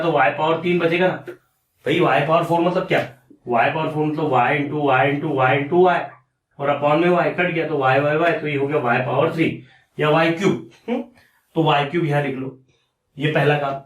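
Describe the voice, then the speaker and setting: A man with a fairly high voice and steady tone talks at normal speed, captured from afar with a roomy sound. He teaches maths on a board one step at a time, repeating steps and supplying answers to his own questions.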